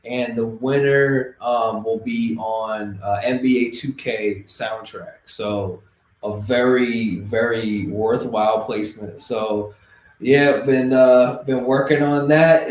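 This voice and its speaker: A young man with a Boston accent chats casually as a podcast co-host. He talks in a relaxed way, with plenty of ums and uhs. His voice carries a noticeable room echo. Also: medium pitch. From Boston area. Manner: laid-back, lots of fillers. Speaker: podcast co-host and hip hop producer.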